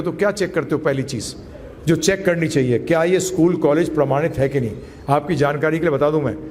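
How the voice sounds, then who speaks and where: Male spiritual teacher, fairly high voice, emphatic, keeps quizzing his class, long hall echo. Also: darkish tone, a little hiss or hum. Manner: emphatic, quizzes listeners with questions; mixes English phrases into his talk. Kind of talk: Gita lecture to a live class.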